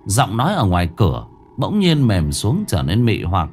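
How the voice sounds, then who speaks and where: Male horror narrator, low and expressive, suspenseful. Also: normal speed, soft background music. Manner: dramatic, suspenseful storytelling. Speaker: storyteller.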